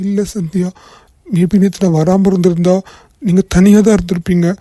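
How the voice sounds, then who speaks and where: A voice actor playing a young male boss in a cartoon who keeps apologizing in a soft, tearful way. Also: medium pitch, level tone, moderate pace, dry recording, close to an everyday voice. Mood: guilty, tearful. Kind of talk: cartoon voice acting.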